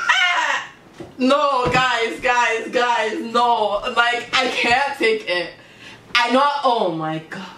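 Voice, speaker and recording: A woman's voice: a little high, slow pace, background noise. A Canadian woman hosting a reaction video, chatting casually to viewers while exclaiming and laughing, easily startled. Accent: Canadian English. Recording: roomy echo from a distance.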